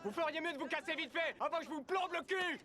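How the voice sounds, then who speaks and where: A man dubbing a hot-headed, foul-mouthed soldier in a French war film, shouting coarsely and excitably. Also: extremely high pitch, fast, heavy background noise. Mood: aggressive, urgent.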